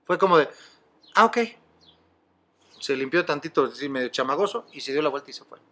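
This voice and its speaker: A middle-aged man with a Mexican accent races through his stories in a medium-pitched, slightly bright voice. As a podcast host, he keeps the conversation chatty and casual, laughing easily.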